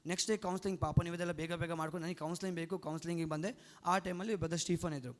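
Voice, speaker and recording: A young man tells his story in an earnest, emotional testimony. His voice sits high and his words come quickly. It is recorded in a hall with a long reverb tail. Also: steady tone. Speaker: testimony speaker at a church retreat. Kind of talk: personal testimony.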